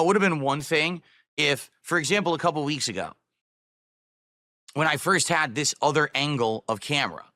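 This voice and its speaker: A man's voice: mid-range voice, bright, forceful tone. A man talking bluntly and combatively as a streamer, in casual livestream talk. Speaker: video game streamer.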